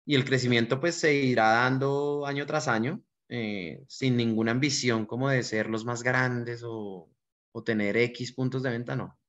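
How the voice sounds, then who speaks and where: A man's voice: mid-range voice, a bit bright. Earnest Colombian man, muffled recording. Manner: earnest, reflective, halting. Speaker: restaurant owner. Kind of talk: interview answers, personal storytelling. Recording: dull lo-fi recording.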